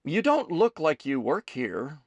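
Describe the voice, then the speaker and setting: A woman's voice: deep voice, huge pitch swings, measured pace, dry recording, pitched above the performer's own voice, exaggerated voice. A man voicing a theatrical young woman, a stage diva who teases and shows off. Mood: curious. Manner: showy, teasing.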